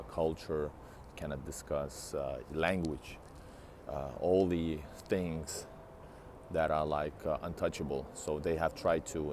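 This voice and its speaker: A tired man with a low voice streams outdoors as a travel vlogger; he is from Latvia and Finland. He walks a city street beside a large building, wired earbud headset on and phone at arm's length, so outdoor street noise reaches the mic. His casual chat with viewers rambles, restarts often, and responds to chat.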